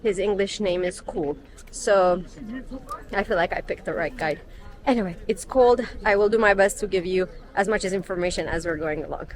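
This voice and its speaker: This travel vlogger is a young woman whose voice sits on the low side, moving at normal speed. She's out on a guided tour in the cold, casually explaining things to the camera in a chatty way and saying um a lot.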